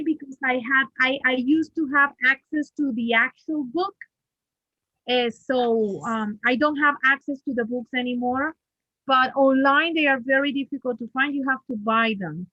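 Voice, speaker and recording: A woman's voice: sits high, no echo, dull audio. Venezuelan woman on a video call. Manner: warm, grateful, talks with fillers and restarts. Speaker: webinar presenter. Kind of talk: casual online chat.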